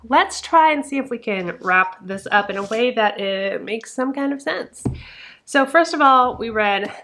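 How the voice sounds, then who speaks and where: A woman's voice: fairly high pitch, expressive, a little slow, bright, forceful tone. A woman talking frankly about books in a casual vlog, often exasperated and swearing freely. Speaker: book vlogger. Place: in a truck on a hot day.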